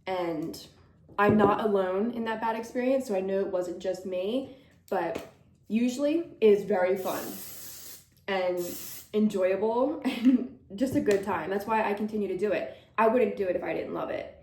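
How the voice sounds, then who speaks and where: Answering viewers' questions in a casual Q&A to camera, a young model and vlogger in her twenties speaks at a moderate pace in a mid-range, darkish voice. She is chatty and bubbly, laughing often and a little out of breath, with a roomy echo around her.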